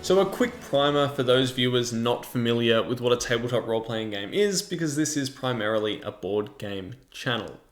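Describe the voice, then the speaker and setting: Soft music plays in the background as an animated tabletop game reviewer presents his channel's review at a mid-range pitch, explaining in a measured way. The semi-scripted narration is picked up by a large microphone in front of him, and the reverberant room adds a clear echo.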